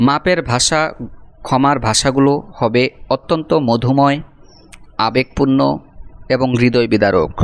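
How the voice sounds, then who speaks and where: A man teaching a prayer as a lesson, reciting Arabic phrases slowly and then explaining their meaning. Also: medium pitch, clear, resonant tone. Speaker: Quran teacher. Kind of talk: religious lesson, slow syllable-by-syllable recitation.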